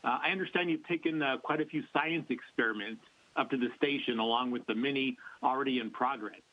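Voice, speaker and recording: A man calls in as a reporter to ask a press question. His voice has a middling pitch and arrives over a dull, radio-like line. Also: brisk. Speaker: reporter calling in.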